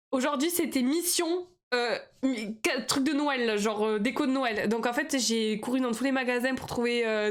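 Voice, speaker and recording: A young woman streaming, chatting casually with her viewers in a bubbly, rambling way and laughing often. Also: fairly high pitch.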